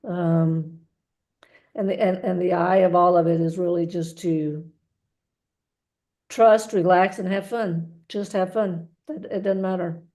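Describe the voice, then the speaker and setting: Gravelly-voiced woman giving a halting reading. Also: lowish voice, fairly even intonation, warm tone. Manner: halting, repeats words, relays a spirit's messages. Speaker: medium. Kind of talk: mediumship reading.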